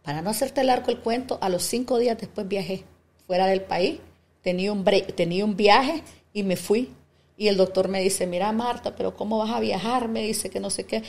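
A woman in her fifties, a businesswoman guest on a podcast, chatting casually and telling animated stories with acted-out dialogue. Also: mid-range voice, moderate pace. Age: 50s. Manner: animated storytelling, acts out quoted dialogue. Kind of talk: casual interview chat.

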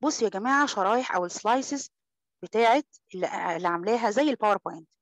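A woman's voice: medium pitch, animated, rapid-fire, no echo. A woman with an Egyptian Arabic accent teaching an online Quran recitation class, sounding out letters and speaking affectionately to her students. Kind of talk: online tajweed class, answering questions.

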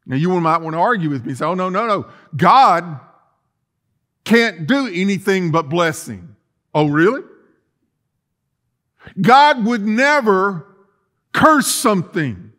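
A middle-aged male pastor with a high-pitched, fairly bright voice preaches slowly, with lively intonation and long pauses. Recorded in an empty-chaired church sanctuary, the sermon is emphatic and relies on rhetorical questions and repetition.

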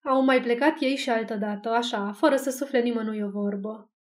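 A portly, self-important older man speaks in a pompous, measured way. The woman narrating plays him close to her own fairly high voice. Rather than acting him fully, she keeps the figure plain. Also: close to an everyday voice. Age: 60s.

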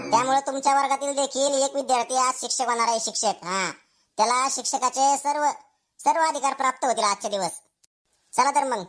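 A woman's voice: high voice, fairly bright tone. Woman doing a scolding male teacher, insulting, short-tempered, comedy skit. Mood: announcing. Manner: scolding, hurling comic insults.

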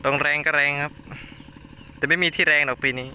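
Male farmer, casual field vlog, plain-spoken complaining, slightly high voice, outdoor take with heavy engine noise. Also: fairly even intonation, a little fast, pushed and bright, low-quality recording. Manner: plain-spoken, complaining, frequent polite particles. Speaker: farmer vlogger. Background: running tractor engine.

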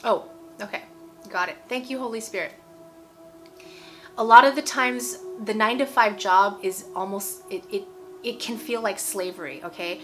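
A woman preacher in her forties speaks to camera from home at a moderate pace, with long pauses, a medium pitch and a slightly bright tone, while faint music plays behind her. Her sermon is casual and emphatic, with repeated phrases and "okay?" check-ins.

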